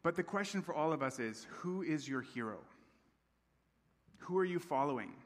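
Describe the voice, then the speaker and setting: This campus pastor in his thirties, who grew up in Tanzania, has a fairly high-pitched voice with lively intonation and a normal pace. He delivers his sermon conversationally and warmly, frequently checking in with the people listening. It's recorded in a big church sanctuary, where the hall's long reverb lingers.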